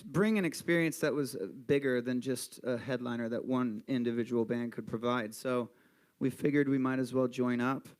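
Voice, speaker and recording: A male band member answering interview questions in a relaxed, rambling way with many fillers. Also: medium pitch, clear, resonant tone. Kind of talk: casual interview chat.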